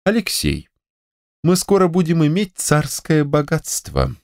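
A man reading a story, voicing a capricious, imperious elderly wife of a general, raised in pitch and full of reproachful exclamations. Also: wildly swooping pitch, measured pace, a little mellow, dry recording, heavily acted.

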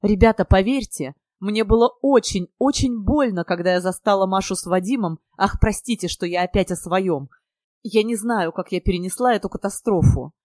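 An earnest young woman speaking warmly and from the heart, read by a woman narrator in her own natural voice. Dry, close recording. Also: medium pitch, normal speed, no echo, natural voice. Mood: heartfelt. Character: warm, emotional young woman student.

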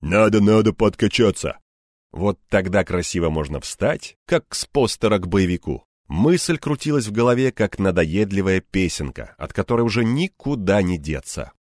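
Guy reading an audiobook first person, low voice but lively, dry close sound. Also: normal speed, hardly any pauses, no echo. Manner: wry, conversational storytelling. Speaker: audiobook narrator.

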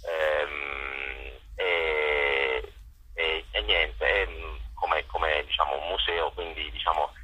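Over a dull phone line, the photo-exhibition organizer hesitates through a radio interview, full of fillers and false starts. His voice rumbles low and steady, extremely slow yet pushed and bright.

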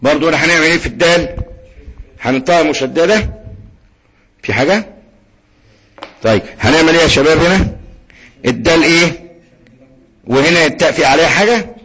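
Egyptian sheikh, tajweed teacher, husky and slightly high, dull lo-fi recording, call-and-repeat drills. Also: male voice, fairly bright tone. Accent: Egyptian Arabic. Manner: drills students, slowly sounding out letters. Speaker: Quran recitation teacher.

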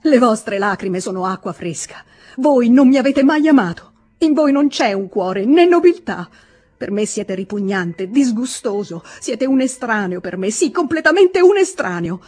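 A woman reader voicing an angry betrayed wife who shouts in shrill, bitter outbursts, with a husky voice. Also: big pitch swings, normal speed. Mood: furious.

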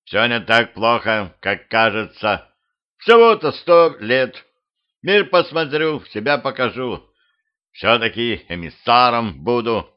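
A man's voice: medium pitch, expressive, a little slow, lightly acted. A man voicing a panicky, cheeky middle-aged man who whines and blusters, in a humorous audiobook. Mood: blustering. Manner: whining, blustering. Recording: muffled lo-fi home recording.

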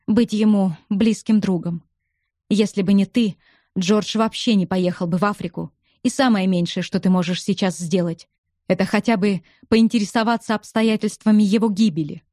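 A woman's voice: mid-range voice, steady tone, moderate pace, warm tone, no room sound, close to an everyday voice. Audiobook male lead voiced by a woman: bitter, pushy young man, close dry recording. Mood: angry pressing. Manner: accusing, hard-pressing. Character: angry young man, blunt and accusing.

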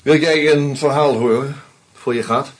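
With a steady, mid-range voice that is unhurried and has a breathy edge, a man performs Hans in a radio play. Narrating in first person, the bitter drunk confronts a murderer sardonically.

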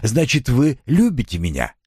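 A man voicing a commanding wealthy gentleman who speaks softly, slowly and insistently to a woman. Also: mid-range voice, huge pitch swings, husky, dry recording, clean studio sound. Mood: coaxing. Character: commanding wealthy older man, tenderly coaxing.

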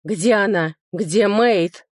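A woman's voice: mid-range voice, slow pace, dry recording, studio quality. A woman voicing a furious male duke and mage, barking orders in a commanding voice. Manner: commanding, demanding.

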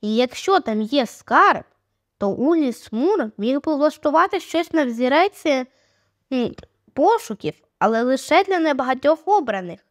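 A woman's voice: sits high, big pitch swings, measured pace, dry recording, clean studio sound. A woman voicing an eager, exclaiming young girl. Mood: musing. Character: lively excited young girl, curious sister.

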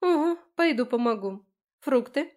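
A woman voicing a she-wolf sister who is brisk, bossy and teasing. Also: high-pitched, lively intonation, voice pushed up.

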